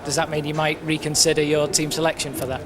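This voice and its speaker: A man's voice: on the high side, flat delivery, quick pace, crowd noise. A man presenting and reporting on sport for television, with a polished, upbeat broadcast delivery and light banter.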